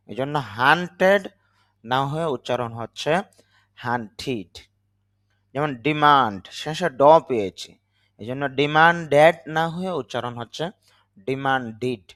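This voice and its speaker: A man's voice: medium pitch, no echo, studio quality. A man with a Bangladeshi Bengali accent, an English teacher, patiently explaining grammar rules step by step.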